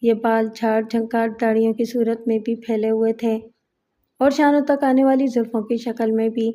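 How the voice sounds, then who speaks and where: A woman narrating a crime thriller novel as an audiobook, in measured, literary storytelling. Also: a little high, flat delivery, warm tone.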